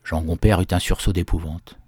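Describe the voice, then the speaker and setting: A man's voice: sits low, steady tone, brisk, darkish tone, husky, no room sound. Man telling a folk tale, dry sound. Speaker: storyteller.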